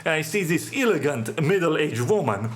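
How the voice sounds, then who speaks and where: A man delivers solo monologue commentary in a fairly high voice. His speech is halting and full of "uh" fillers, and he often drops his articles. His tone stays sardonic and pronouncing. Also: sing-song. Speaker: podcast host.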